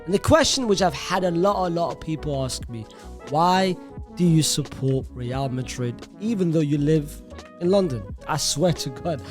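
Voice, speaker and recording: A man from Iraq chatting casually to camera as a YouTuber. He talks in an animated, slangy way, often says "bro", and repeats words for emphasis. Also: on the high side.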